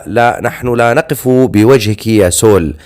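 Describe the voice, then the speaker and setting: A man's voice: mid-range voice, moderate pace, a little mellow, natural voice. A man reading the lines of a hulking hostile warrior in an audiobook, speaking in an angry, scornful way.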